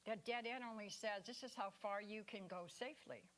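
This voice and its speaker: A woman in her sixties giving a spiritual talk at a center, chatty and animated with playful asides. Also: mid-range voice, moderate pace. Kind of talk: sermon talk.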